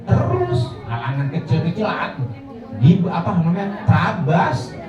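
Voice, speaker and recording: A man preaches to a study circle in a chatty, joking way, slipping into little acted voices. His voice sits a bit high for a man. He is picked up from a distance in a very echoey, muffled hall. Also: measured pace, music in the background, crowd noise. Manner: lively, jokey, acts out voices of the dead and pilgrims. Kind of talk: informal religious talk.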